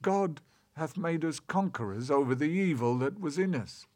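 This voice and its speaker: A man reading aloud, voicing a solemn old male elder of a devout city in a storybook parable, hushed and grave. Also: on the high side, lively intonation, moderate pace, voice pushed up, lightly acted.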